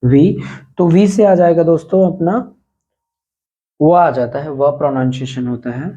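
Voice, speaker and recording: A man teaching an English pronunciation lesson, explaining slowly, repeating words for emphasis and often clearing his throat. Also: a little high, warm tone, lo-fi sound. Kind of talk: spoken language lesson.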